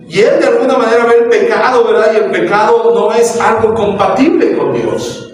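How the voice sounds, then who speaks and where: A Mexican man preaching a sermon as pastor, asking his listeners questions and acting out the voices he quotes. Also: sits high. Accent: Mexican Spanish. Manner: acts out quoted voices, asks the crowd questions. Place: church hall. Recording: very echoey hall, distant mic, faint hiss.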